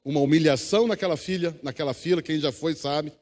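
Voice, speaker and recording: Brazilian pastor guy, high voice, preaching in a big echoey church, gets the crowd to answer back. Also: quick pace, darkish tone. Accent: Brazilian Portuguese. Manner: exhorting congregation, call-and-response. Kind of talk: sermon. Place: church hall. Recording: long church hall reverb.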